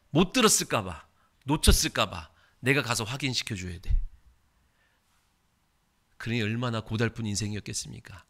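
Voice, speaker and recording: A male pastor preaching a sermon and leading a closing prayer, emphatic, swelling louder in prayer. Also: mid-range voice.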